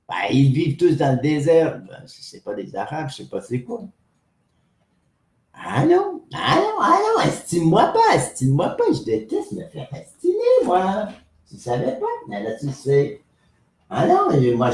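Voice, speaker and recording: A boastful, cranky old man, as a man puts him on, rambles through an improvised comic live stream. His pitch sits a little high and swings wildly, often shooting up into a squeak. The recording sounds roomy and echoey. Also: a little mellow.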